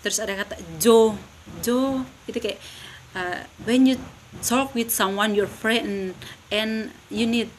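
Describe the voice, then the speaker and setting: A woman's voice: on the high side, fairly even intonation, slow, long pauses, a little hiss or hum, rough recording. Hesitant young woman presenting. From Lembata, eastern Indonesia. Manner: hesitant, many fillers, switching between English and Indonesian. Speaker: university student. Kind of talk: recorded class presentation.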